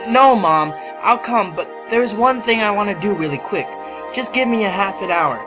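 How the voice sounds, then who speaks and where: A man's voice: high-pitched, expressive, normal speed. A young man voicing a shy, lonely, hesitant teenage girl from a video game. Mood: reluctant, friendly. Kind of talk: reading game dialogue aloud. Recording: loud game music behind.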